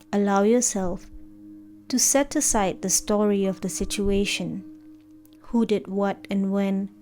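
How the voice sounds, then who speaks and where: A mellow woman with a medium-pitched voice narrates a guided meditation. She gives gentle, soothing instructions at an unhurried pace, with music playing in the background.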